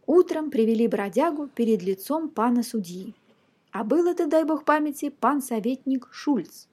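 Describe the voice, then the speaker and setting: A woman reading a children's fairy tale aloud in a lively, expressive storytelling manner. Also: sits high, normal speed, breathy edge.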